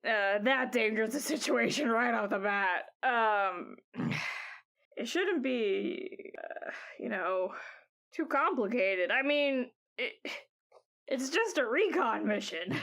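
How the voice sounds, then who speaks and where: A woman game master with a slightly high voice narrates a tabletop game. She talks slowly and easily, full of ums and small laughs. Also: lively intonation, a bit bright. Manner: unhurried, full of fillers and laughs.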